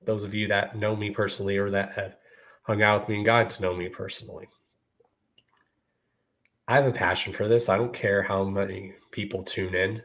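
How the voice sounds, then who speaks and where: Talking casually to viewers on his own podcast, a laid-back man in his thirties keeps repeating "you know" and "y'all." He speaks a little fast with long pauses, and his fairly low, slightly bright voice shows little pitch movement.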